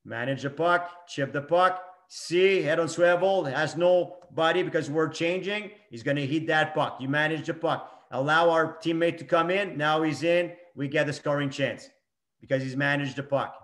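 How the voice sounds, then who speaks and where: A man's voice: fairly high pitch, moderate pace, fairly bright tone. A middle-aged hockey coach talking through game clips in short, emphatic phrases and repeating his key points. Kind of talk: coaching talk over game video clips.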